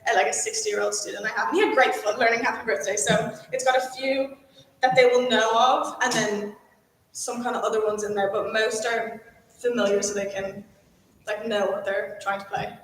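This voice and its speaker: A woman piano teacher, a little higher-pitched than most, speaks casually at a panel discussion, dropping "like" and "um" as she goes. The recording is very roomy, with a long reverb trailing after her words. She sounds relaxed and plain-spoken. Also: moderate pace. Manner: casual, conversational, says "like" often. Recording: echoey hall with long reverb.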